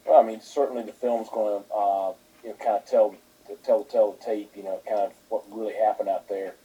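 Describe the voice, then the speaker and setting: A man, a football head coach, answering questions at a press conference in a halting way, with many fillers. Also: on the low side, steady tone, warm tone, slightly rough, dull audio.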